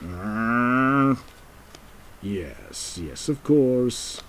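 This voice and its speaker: Rich: A proper, courteous male go-between, voiced by a man in a homemade puppet drama. He speaks slowly and formally, with wide swings in pitch. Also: very animated, a bit bright, slight background noise, full character voice.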